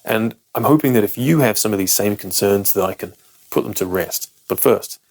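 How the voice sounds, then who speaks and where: A British man, a native English speaker with a fairly low, darkish voice, talks to camera at a moderate pace. As a guitar teacher, he explains picking technique frankly and emphatically, with a self-deprecating touch.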